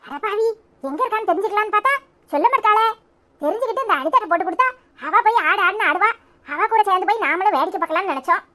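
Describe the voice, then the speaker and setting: Woman doing a busybody neighbour lady, squeaky high, wheedling, tirunelveli accent, cartoon serial. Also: animated, fast talker, bright, forceful tone, heavily acted. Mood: scheming. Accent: Tirunelveli Tamil. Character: nosy scheming gossip woman, neighbour.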